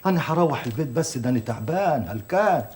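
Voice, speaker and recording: An actor with an Egyptian accent, playing a hard-pressed man who blusters and then smoothly coaxes a worker he owes money, in a TV drama. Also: mid-range voice, expressive, quick pace, darkish tone, natural voice. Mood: coaxing. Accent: Egyptian Arabic. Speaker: father and businessman short of money. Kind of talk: 1980s TV drama acting.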